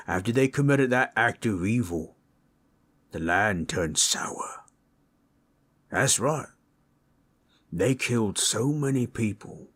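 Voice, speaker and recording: In intimate roleplay audio, a very low-voiced man gives a full character voice to a gentle male orc who tells old-lore stories. He takes his time, comforting the listener in husky, rustic, ungrammatical, rough-spoken words.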